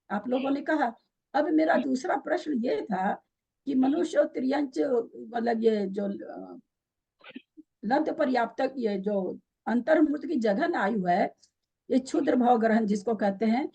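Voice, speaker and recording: A woman's voice: a little high, vocal fry, warm tone, husky, highs cut off. A woman teaching a scripture class online, questioning her students and patiently explaining by repeating the key terms.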